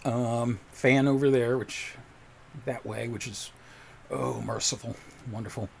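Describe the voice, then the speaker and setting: A man's voice: medium pitch, fairly even intonation, measured pace, vocal fry, a little hiss or hum. A man hosting a casual livestream from his home computer desk, talking into a desk microphone in a chatty, rambling, self-deprecating way. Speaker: livestream host.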